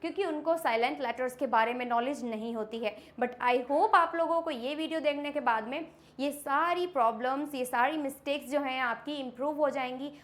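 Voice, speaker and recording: High-voiced woman teaching with quick check-ins. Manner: checks understanding with frequent quick questions; repeats example words slowly and clearly. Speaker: English teacher. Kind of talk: classroom-style lesson explaining silent letters.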